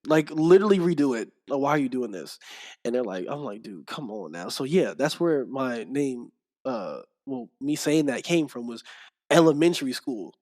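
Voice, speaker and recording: With a medium-pitched voice at normal speed, a young man guesting on a podcast shares stories in relaxed conversation. He acts out what others said, staying animated and laughing frequently.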